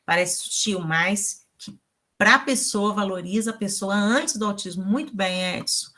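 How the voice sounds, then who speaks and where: A woman teacher with a Brazilian Portuguese accent hosting an online talk, telling stories in a lively, animated way. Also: medium pitch, a little slow. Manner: animated storyteller, voices quoted people. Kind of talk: casual conversational talk.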